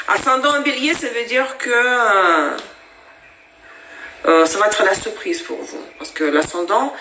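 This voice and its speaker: This tarot reader, whose first language is Russian, has a medium-pitched voice with a sharp tone. Sitting at home with her cat, she explains her reading to viewers casually, hesitating often, and the echoey room carries slight hiss or hum.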